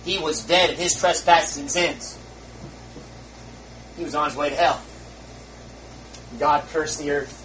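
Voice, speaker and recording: A male preacher giving a fiery sermon, swinging from low murmurs to loud shouts. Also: steady tone, unhurried, pauses often, slight background noise. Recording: roomy, far from the mic, faint ambience.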